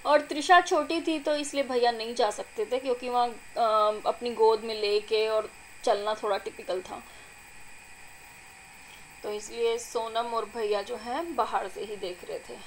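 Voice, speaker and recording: A young adult woman, a vlogger and mother, narrating her family video in a chatty, doting, excited voice-over. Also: a little high, a little slow, a little hiss or hum, rough recording. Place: recorded apart from the filmed scene.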